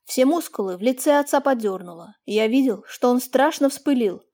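A woman reading classic prose as an audiobook narrator, in an even, measured way. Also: a little high.

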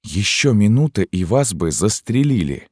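A loud, blunt army canteen woman scolds in a gruff, soldierly voice, raised well above the reader's low register, as a man puts her on. The kindness shows under her roughness. The recording is dry and close, with no room sound. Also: big pitch swings, normal speed, no echo. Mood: scolding. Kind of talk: audiobook narration.

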